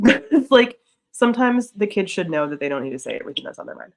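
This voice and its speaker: A woman's voice: mid-range voice, very animated, fast talker. A woman in her thirties streaming casually, rambling through chat with lots of "like"s at a desk mic. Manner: chatty and rambling, many "like"s.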